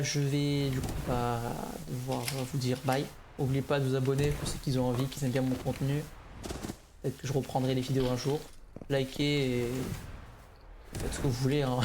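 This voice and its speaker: Hesitant young man rambling over background noise. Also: medium pitch. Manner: hesitant, rambling, often restarting sentences; slightly nervous, neutral delivery. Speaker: gaming video creator updating viewers. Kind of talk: casual unscripted channel update. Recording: clear background noise, clicks.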